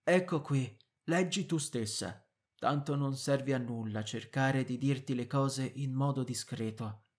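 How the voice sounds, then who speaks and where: A man's voice: mid-range voice, unhurried, close to an everyday voice. A man voicing a flustered, evasive middle-aged husband in an audiobook reading, hesitant and placating.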